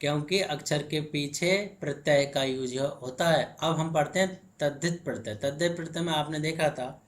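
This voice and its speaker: A man teaching grammar, explaining slowly word by word and checking in often with the class. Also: on the high side. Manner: slow, drawn-out word-by-word explaining, frequent "ठीक है" check-ins. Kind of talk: blackboard lesson.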